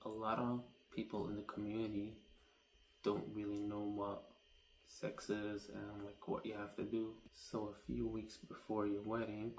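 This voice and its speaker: A young man talks through his community's customs slowly and flatly, in a low voice. He stays matter-of-fact and halting, with long gaps between phrases. The room is echoey and there is clear background ambience. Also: slight background noise. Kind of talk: casual explainer monologue.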